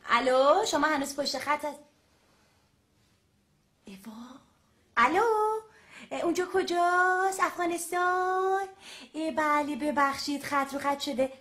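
High-voiced apologetic woman on the phone. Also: long pauses, a bit bright. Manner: polite, apologetic and chatty. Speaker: radio presenter making phone calls. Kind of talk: comic phone sketch.

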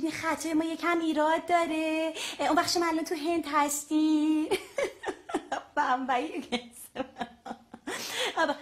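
A woman's voice: high voice, bright, forceful tone. A woman presenting on the radio, making comic phone calls, polite, chatty and always apologizing.

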